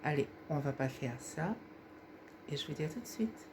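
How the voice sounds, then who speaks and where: A woman with a husky voice, hosting her own sketch video and talking casually to her viewers. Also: sits low, lively intonation, normal speed, noisy background. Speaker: sketch video creator and host. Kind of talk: casual vlog talk to viewers.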